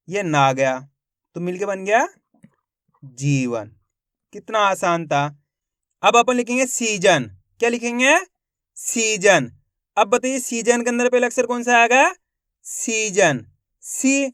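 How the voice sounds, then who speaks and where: A man teaching Hindi reading in a slow spelling lesson, breaking words into syllables and blending them, quizzing the viewer and then answering himself. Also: sits high, fairly bright tone, clean tone, no echo, studio quality.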